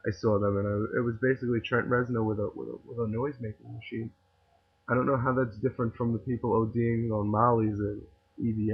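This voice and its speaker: Speaking in a fairly low, breathy voice, a New York man with the city's accent rants through a casual podcast monologue. He's sarcastic and opinionated, wandering off and starting over a lot, and the recording has a tinny, phone-quality feel.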